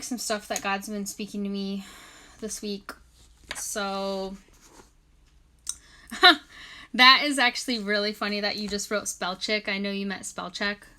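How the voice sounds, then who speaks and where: A young woman with a crisp, bright voice and a slight lisp leads a casual livestream Bible study. She talks into her phone in a chatty way, with lots of fillers and quick apologetic asides. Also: medium pitch.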